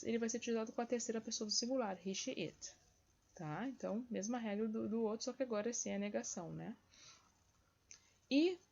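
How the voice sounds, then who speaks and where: A woman's voice: mid-range voice, darkish tone, highs cut off. A woman explaining English grammar in an online lesson, often checking in with her listeners. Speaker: English teacher.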